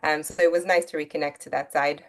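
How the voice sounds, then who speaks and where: A low-pitched woman speaks as a guest author in an interview. She was born in Italy and grew up in Belgium, and she talks in a measured, reflective way, pausing often with soft fillers. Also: little pitch movement, slight background noise. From born in Italy, raised in Belgium. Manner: measured, thoughtful, many ums. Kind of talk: interview conversation.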